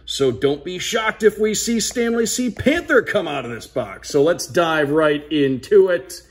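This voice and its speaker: Seated at a wooden table in an indoor room, a sports broadcaster hosts a card unboxing, speaking directly to viewers. His fairly high voice moves at a measured pace with lively intonation, and his commentary is casual and upbeat.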